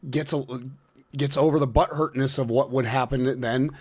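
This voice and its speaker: A man with a raspy smoker's voice co-hosting a casual wrestling podcast, rambling and correcting himself as he goes. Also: medium pitch, fairly even intonation, normal speed, darkish tone. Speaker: podcast co-host.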